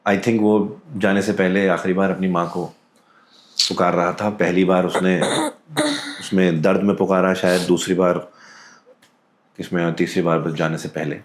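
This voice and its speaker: A man with a low voice and an Indian accent tells a true ghost story as a podcast guest. He speaks calmly and deliberately, mixing Hindi and English. His voice rings in a roomy echo. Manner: calm, deliberate, drops into quoted voices.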